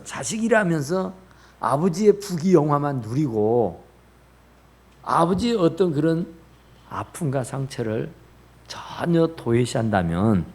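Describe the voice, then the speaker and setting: A man's voice: medium pitch, darkish tone, slightly rough. A man preaching a sermon as pastor in a church, rising in bursts and dropping to near whispers. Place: church sanctuary.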